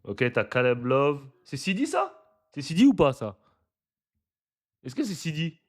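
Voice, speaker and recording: A young man giving casual live reaction commentary to basketball footage, slangy and chatty, breaking into loud excited exclamations. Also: fairly high pitch, a little slow.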